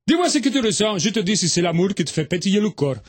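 A man voicing a flamboyant, excitable man, shouting in broken grammar in a radio comedy sketch. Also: fast. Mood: flattered. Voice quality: high, shouting, mangled grammar.

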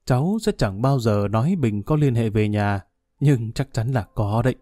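A stubborn old lawyer, played by a man, talks in a measured, fatherly way. The tone is dark and mellow, and the recording is close and dry. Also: medium pitch, expressive, dry recording, natural voice. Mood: knowing. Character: older male lawyer, stubborn and defiant.

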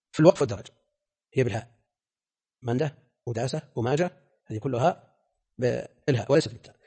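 Older male scholar lecturing on a classical text, husky, very fast, firm. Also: medium pitch, mellow. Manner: rapid, emphatic, rhetorical questions. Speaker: scholar teaching hadith terminology.

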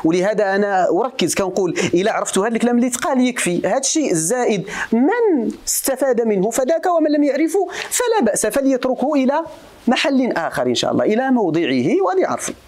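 Moroccan male religious teacher, fast and animated, quizzing pupils in a grammar lesson. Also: very high-pitched. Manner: quizzes students, mixing formal Arabic with colloquial asides.

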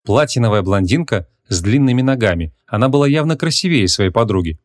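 A man reading a humorous fantasy audiobook as narrator, measured and even. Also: medium pitch. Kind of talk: scripted narration.

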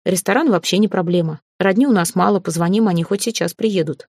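A woman reading an audiobook, voicing a sly, calm middle-aged father who talks slowly and without hurry. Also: lowish voice, dry recording, studio quality.

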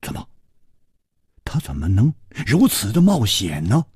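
A man voicing a calm, gallant young hero in a storytelling audiobook, speaking in a measured, easygoing way. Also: lowish voice, slightly rough, no echo, clean studio sound, pitched above the performer's own voice, heavily acted.

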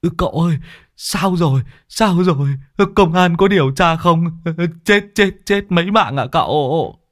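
A man's voice: high voice, measured pace, a bit bright, no room sound, studio quality, voice pushed up. A man voicing a cowardly, dim-witted old man who stammers and whimpers in fright in a ghost story. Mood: stammering pleading.

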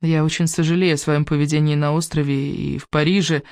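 A woman reading an audiobook, voicing a remorseful elderly woman who speaks softly and haltingly. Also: low-pitched, flat delivery, dry recording, clean studio sound. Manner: soft-spoken, halting. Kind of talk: audiobook character voice.

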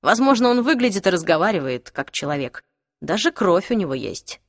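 A woman voicing a cold, cocky young male demon hunter, speaking slowly and calmly with quiet menace. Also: medium pitch, no echo, clean studio sound. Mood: mocking. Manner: slow, calm, menacing. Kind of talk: audiobook character voice.

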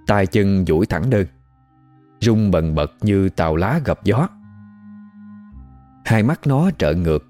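A man narrating a ghost story in an expressive storytelling manner. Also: sits low. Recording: faint background music.

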